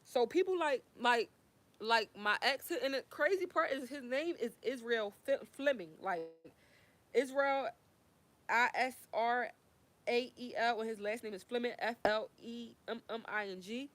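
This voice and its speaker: Young woman going off on a heated preachy rant, cussing a lot, kinda high voice. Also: a little slow, a bit bright. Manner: fiery, swearing, repetitive, preachy. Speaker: vlogger. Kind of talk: heated ranting monologue.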